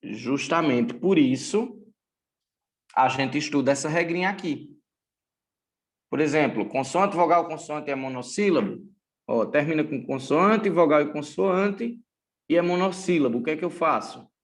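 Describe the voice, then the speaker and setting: A man from Brazil teaching English grammar in a recorded lesson, speaking deliberately and repeating key points. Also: on the high side, lively intonation.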